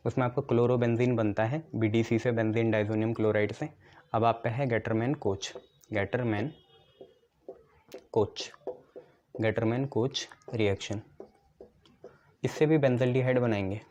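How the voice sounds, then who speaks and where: A man's voice: medium pitch, dark tone. A male chemistry teacher giving a lesson and building memory tricks step by step, often asking his own questions and answering them. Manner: explains step by step, often checks "ठीक है". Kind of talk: classroom lecture with memory tricks. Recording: dull lo-fi recording.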